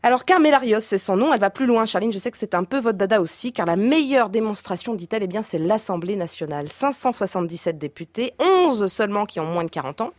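A woman's voice: medium pitch, animated, quick pace, few pauses, a little mellow, no room sound, clean studio sound. A woman giving a humorous press review on the radio, mock-serious and chatty, with playful asides. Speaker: radio columnist. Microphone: studio microphone.

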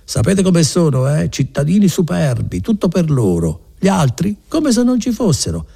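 Aggrieved tavern regular, high and raspy, complaining, voiced by a man. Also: sing-song, normal speed, warm tone, heavily acted. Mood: resentful. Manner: resentful, complaining. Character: grumbling male village tavern regular.

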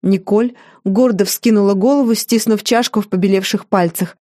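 A woman narrates a novel in the first person, measured and wry. Her tone is warm and mellow, recorded close and dry with no room sound. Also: mid-range voice, fairly even intonation, no room sound. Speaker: audiobook reader.

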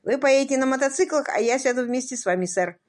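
A woman's voice: sits high, quick pace, darkish tone, voice pushed up, lightly acted. A woman voicing a stern, officious male police constable in a read-aloud story.

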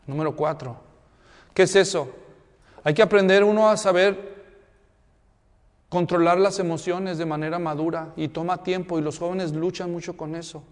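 A man, a pastor giving a conference talk to parents, speaking conversationally and asking the audience many rhetorical questions. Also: high-pitched. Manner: conversational, full of rhetorical questions and humorous anecdotes. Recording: long reverb of a large hall.

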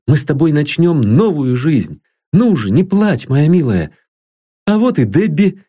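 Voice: medium pitch, big pitch swings, a little slow, dark tone, slightly rough, pitched above the performer's own voice. A reader voicing an earnest, tender young man in an audiobook. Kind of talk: audiobook reading.

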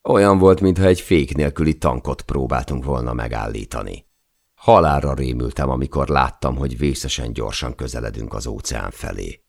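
A man reading a first-person adventure audiobook in a measured, steady narration. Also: very deep voice, gravelly.

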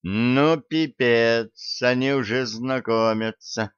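A man voicing a slim, sharp-tongued, grumpy young woman who snaps and mocks. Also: medium pitch, fairly even intonation, unhurried, clear, resonant tone, no echo, voice pushed up, natural voice. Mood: sneering. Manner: snappish and mocking. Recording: dull, dry recording.

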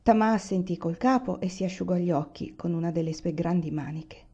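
Calm woman reading a novel aloud. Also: fairly low pitch, brisk, breathy edge, highs cut off. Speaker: reader.

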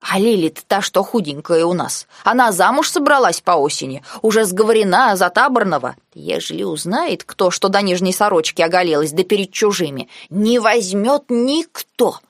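A woman reading the part of a proud, buxom maid with rustic, drawn-out speech. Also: medium pitch, lively intonation, no room sound, studio quality.

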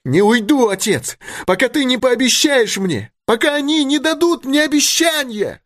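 A man's voice: very high-pitched, expressive, moderate pace, a bit bright, no room sound, clean studio sound, pitched above the performer's own voice. A man voicing a fiery young woman. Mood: pleading, crying out. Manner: impassioned, pleading. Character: young woman, spirited and indignant. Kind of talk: audiobook character reading.

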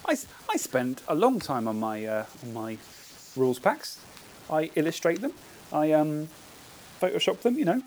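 Animated, chatty man hosting a podcast. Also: on the high side, normal speed, low-quality recording. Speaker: podcast host. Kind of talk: casual podcast chat.

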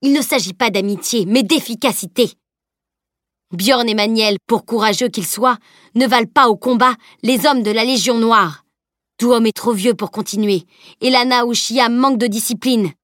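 A woman's voice: fairly high pitch, normal speed, a bit bright, no room sound, studio quality, voice pushed up, lightly acted. A woman voicing a stern male general and arms master who speaks curtly and with command. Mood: stern, angry. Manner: curt and commanding.

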